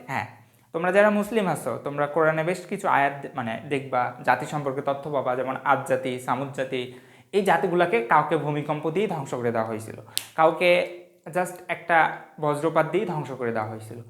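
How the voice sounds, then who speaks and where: A woman with a low voice takes the class through grammar one step at a time. She keeps putting questions to her students as she goes. Her voice rings around an echoey room. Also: quick pace. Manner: explains step by step, often asks the class questions. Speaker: English teacher. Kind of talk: exam-prep grammar lesson.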